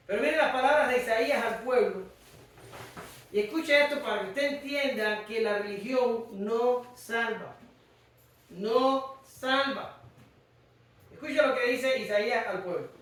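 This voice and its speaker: A Cuban man with a Cuban Spanish accent preaches an emphatic sermon, often raising his voice to a shout. His voice sits very high for a man. He sounds distant from the mic in a strongly echoing church hall. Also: normal speed. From Cuba. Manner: emphatic, shouting at times, addresses the congregation directly. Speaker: pastor.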